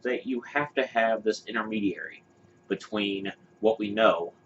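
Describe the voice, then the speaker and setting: Low-voiced man chatting opinionatedly, lo-fi. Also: measured pace, fairly bright tone. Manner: opinionated, rambling with fillers and restarts. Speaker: podcast co-host. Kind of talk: casual chat. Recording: dull lo-fi sound with faint hiss.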